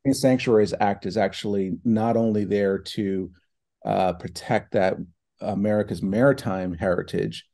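A middle-aged man from New Hampshire and Ohio in the United States, the president of a foundation, is a guest in a casual online interview, calling in by laptop from his home office. His voice is low, mellow, and creaky, and he speaks in a relaxed, reflective way, using fillers and often starting his phrases over.

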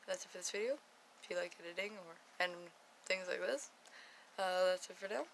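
A young woman, rambling through a casual morning vlog at home in a groggy morning voice and keeping it quiet. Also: lowish voice, brisk, a little hiss or hum, poor audio. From Canada. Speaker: vlogger. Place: home, indoors.

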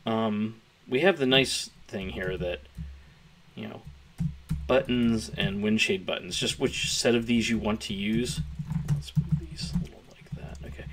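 A man with a hoarse, gravelly voice, thinking aloud as he walks through a coding tutorial. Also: on the low side, unhurried, fairly bright tone, soft background music. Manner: thinking aloud while typing, chatty. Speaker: programmer streaming a coding tutorial. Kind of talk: casual live-coding walkthrough. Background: keyboard typing.

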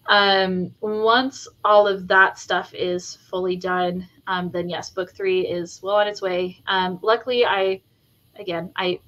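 A woman's voice: medium pitch, level tone, takes it slowly, fairly bright tone, lo-fi sound. Chatty woman author with frequent ums. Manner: chatty, many ums and likes, enthusiastic. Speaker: guest fantasy author. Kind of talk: casual interview chat.

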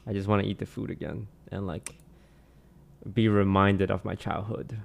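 A young man from Malaysia, chatting casually on a stream in a relaxed way, trailing off with many fillers. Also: low voice, normal speed, gravelly. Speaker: streamer answering questions. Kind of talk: casual chat. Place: small home streaming room. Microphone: studio mic on boom arm, headphones.

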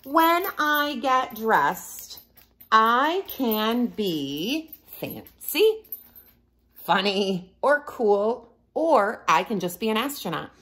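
A woman voicing a cheerful young male naked mole rat who loves clothes, in a slow, eager sing-song. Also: a little high, very animated, fairly bright tone, voice pushed up, exaggerated voice.

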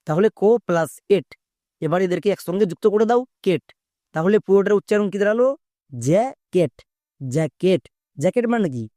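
A man teaching English pronunciation in a spoken video lesson, breaking words down step by step and putting quick questions to the viewer. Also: sits high, mellow, dry recording, clean studio sound.

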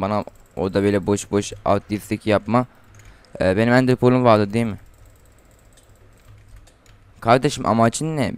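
Teenage boy, from Turkey, gaming commentary, trash talk, very clear voice, dry close sound. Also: mid-range voice, dry recording. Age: teens. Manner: trash-talks opponents, gets loud and excited in fights. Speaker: gaming YouTuber. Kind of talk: casual gameplay commentary.

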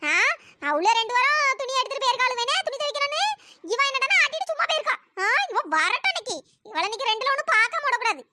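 A woman voicing a scolding, sharp-tongued old mother-in-law in a cartoon, cursing and grumbling, with a pitch-raised voice. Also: expressive, fast, full character voice. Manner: cursing, nagging, wails when hurt. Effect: pitch-raised voice editing. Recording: noisy cartoon voice track.

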